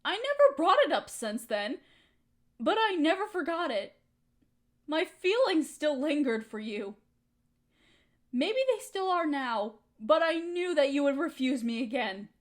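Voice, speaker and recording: A woman's voice sitting high, with big pitch swings and a slightly slow delivery, plays a resentful, wounded young woman in an audio roleplay. She confronts her roommate emotionally, accusing her and firing pointed rhetorical questions.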